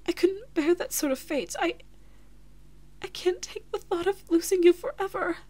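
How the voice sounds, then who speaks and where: In an intimate audio roleplay, a woman voices a devoted, anxious big-sister princess and lover, speaking softly and haltingly in breathy, emotional whispers. Her voice is very high, and she sounds terrified and pleading.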